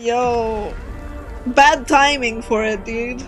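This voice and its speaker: A woman's voice: mid-range voice, unhurried, fairly bright tone. A woman livestreamer giving casual live reaction commentary with dry, offhand remarks. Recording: clear music in background.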